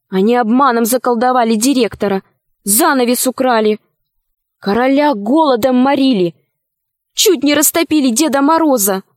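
A woman doing an earnest, high-voiced girl heroine. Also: no room sound, studio quality, natural voice. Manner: earnest, persuasive. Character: earnest young girl heroine, brave and firm. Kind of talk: storybook reading.

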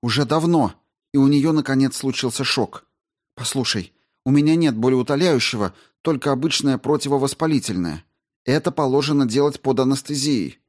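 A man's voice: medium pitch, moderate pace, darkish tone, pitched above the performer's own voice, natural voice. A man voicing a woman astrobiologist who gives firm, urgent medical instructions in a story reading. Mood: brisk.

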